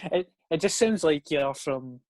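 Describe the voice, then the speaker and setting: A man hosting a podcast, laid-back and quick to swear and laugh in casual chat. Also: on the high side, lively intonation, no room sound. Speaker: podcast host.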